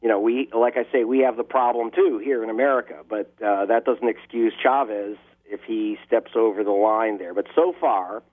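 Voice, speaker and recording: The phone line is tinny as a man with a voice on the low side, speaking at normal speed, answers interview questions. He's an investigative journalist guest, impassioned and emphatic, building stress on key words.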